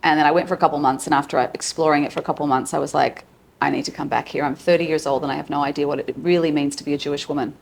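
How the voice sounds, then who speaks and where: A middle-aged Australian woman with a low voice tells her life story as a podcast guest. She speaks candidly and with animation, pausing and restarting as she recalls it. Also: steady tone, gravelly, a little hiss or hum. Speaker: guest, psychologist. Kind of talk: personal storytelling in conversation.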